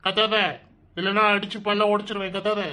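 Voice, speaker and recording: A man's voice: high voice, completely flat delivery, fairly quick, bright, forceful tone, clean tone. A man voicing a bossy, threatening kidnapper in a cartoon, with a Kanyakumari Tamil accent, barking orders and threats. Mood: gruff threatening. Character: gruff male kidnapper gang, bossy and threatening. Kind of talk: cartoon voice acting.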